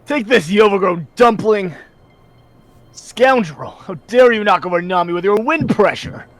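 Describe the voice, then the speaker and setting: A man's voice: high-pitched, animated, normal speed, soft background music. A man voicing a brash, tough cyborg brawler who taunts with colloquial bravado in a comic manga dramatization. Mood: indignant.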